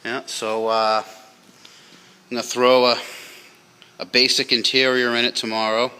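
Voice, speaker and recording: A tired man talking casually and haltingly to vlog viewers in a low-key way. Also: flat delivery, sharp tone, slight background noise, rough recording. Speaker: car vlog host.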